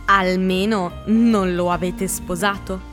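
A woman's voice: medium pitch, fairly even intonation, slow, fairly bright tone, faint music behind. A woman reading a bitter discontented wife. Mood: curt. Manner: curt, ambiguous. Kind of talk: audiobook character reading.

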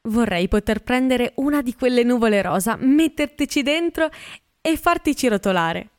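A woman's voice: fairly high pitch, lively intonation, moderate pace, pitched above the performer's own voice, lightly acted. A woman reading a gushing, delighted young woman. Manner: exclaiming, gushing.

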